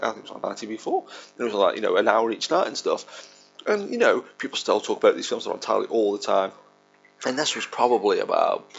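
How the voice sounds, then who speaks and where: A man in his thirties talks through a film in a loose, rambling fan commentary. His voice sits low with a gravelly fry. The recording is dull and lo-fi, with the film's soundtrack faintly underneath. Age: 30s. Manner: rambling and chatty, laughs along. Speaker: podcast host.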